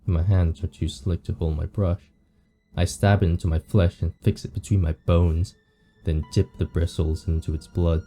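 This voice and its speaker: A man reading the lines of a weary, morbid undead painter from a visual novel, slowly and somberly. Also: deep voice, flat delivery, dark tone, faint music behind, close to an everyday voice. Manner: slow, somber reading of game text.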